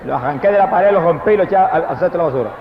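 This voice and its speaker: A man with a high voice preaches a fervent testimony sermon. He swings between quiet, intimate telling and loud proclaiming. The old recording sounds dull and lo-fi, with long echo from a large hall. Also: animated, racing, a crowd in the background, background noise. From Puerto Rico. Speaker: evangelist preacher.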